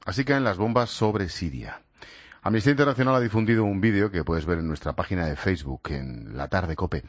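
A man's voice: low-pitched, breathy edge, dry recording, clean studio sound. A man hosting a radio show, talking straight to the listener in a conversational way. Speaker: radio host.

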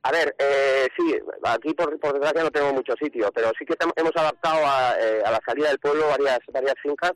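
A man, a village mayor interviewed on the radio, speaking haltingly with many restarts and repeated words. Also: medium pitch, no echo, low-quality recording.

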